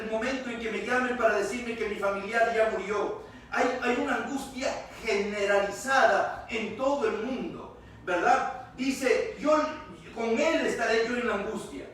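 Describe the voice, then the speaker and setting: A man's voice: very high voice, a bit bright, a little hiss or hum. A male pastor preaching a sermon. He stresses his key words by stretching them out and repeating them. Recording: echoey church hall, voice from far off.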